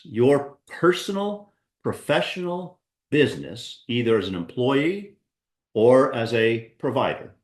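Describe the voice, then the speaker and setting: A man's voice: medium pitch, echoey room. A man presenting a webinar in an emphatic, coaching way.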